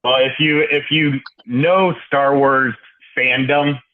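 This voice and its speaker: A man talks through a boxy, muffled connection, like he is speaking into a trash can. The call line is narrow and tinny, with a mid-height voice. He speaks in an unhurried, halting way, as a guest in a casual chat. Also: mid-range voice, steady tone. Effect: muffled hollow audio, like talking into a trash can. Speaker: podcast guest. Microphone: earbuds on a remote call.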